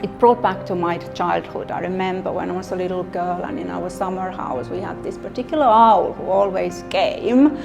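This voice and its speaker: A middle-aged woman with a Finnish accent, an artist speaking slowly and thoughtfully in an interview, pausing often with fillers. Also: on the low side, steady tone, gravelly, music in the background. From Finland. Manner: slow, thoughtful, with many pauses and fillers. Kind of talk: interview monologue.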